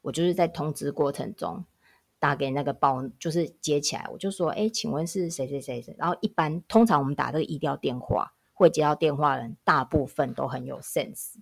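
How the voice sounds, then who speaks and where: A woman, a public health nurse telling work stories in a casual podcast chat, animated and emphatic. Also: sits low, a little fast, vocal fry.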